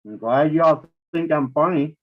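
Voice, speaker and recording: A woman's voice: sits low, measured pace. An American woman talks in a chatty, folksy manner, casual and colloquial, as on a live stream. The audio is dull and lo-fi. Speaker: co-host of a live spirit box session.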